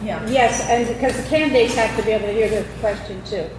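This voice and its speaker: A woman moderates a public forum, her instructions winding along with many fillers. Her voice is fairly high and sounds distant from the mic. The hall echoes heavily under a steady background noise. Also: quick pace. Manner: meandering, filler-heavy instructions. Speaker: debate moderator.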